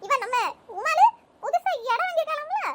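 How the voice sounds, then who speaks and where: A woman voicing chatty village women in an animated cartoon comedy, in a squeaky sped-up tone. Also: brisk. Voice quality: very high, sped-up chipmunk-like tone. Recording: loud background hiss.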